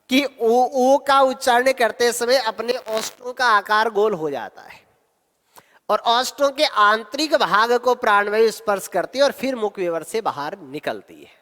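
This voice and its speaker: A man teaching a grammar class at a very unhurried pace, quizzing his students and answering the questions himself. His voice carries a long reverb, as if recorded in a large hall. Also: high voice, a bit bright. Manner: slow, repetitive quizzing of students. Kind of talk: exam-prep grammar lesson.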